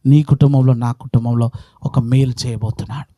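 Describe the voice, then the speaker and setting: A man preaching a sermon at a house prayer meeting, swinging between loud, rising exhortation and low, hushed asides, with strings of rhetorical questions. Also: steady tone, fairly quick, dry recording, studio quality. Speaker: pastor.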